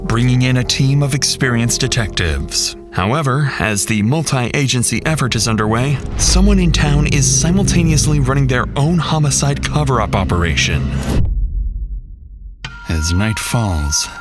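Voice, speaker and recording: A man's voice: medium pitch, lively intonation, moderate pace, loud music behind the voice. A man reading scripted true-crime documentary narration in a dramatic, suspense-building manner.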